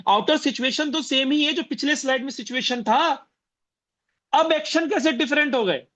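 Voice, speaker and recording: A man's voice: very high voice, normal speed, fairly bright tone. A man from India giving a motivational seminar talk as a business trainer, repeating phrases and firing rhetorical questions at his audience. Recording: dull lo-fi recording.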